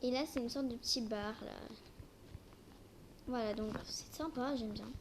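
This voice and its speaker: Speaking unhurriedly in a slightly high, steady voice, a young woman presents a game in her own homemade video. She sounds casual and hesitant, her braces slightly impede her speech, and clicks and noise run through the recording.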